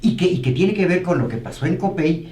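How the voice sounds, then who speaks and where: A man's voice: on the high side, expressive, fairly quick, warm tone. A man on a political panel, telling anecdotes hesitantly with many restarts. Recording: roomy echo with faint noise.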